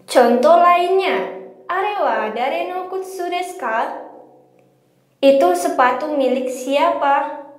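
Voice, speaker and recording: A woman's voice: sits high, takes it slowly, pauses often. A woman teaching a recorded language lesson, reading example sentences aloud and then translating each one. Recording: echoey room.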